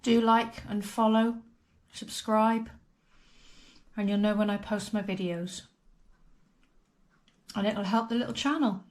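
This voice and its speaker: Speaking slowly with long pauses, a woman with a medium-pitched voice and fairly even intonation chats casually as she walks viewers step by step through a home baking vlog. Clear background noise and room ambience can be heard.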